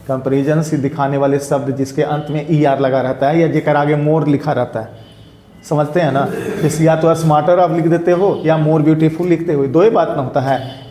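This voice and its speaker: A fairly high-voiced male teacher lectures a classroom in a mellow tone. He drills his students, asking again and again whether each point is clear. The recording is roomy and echoey. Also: a little hiss or hum. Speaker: English teacher. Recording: echoey classroom room sound.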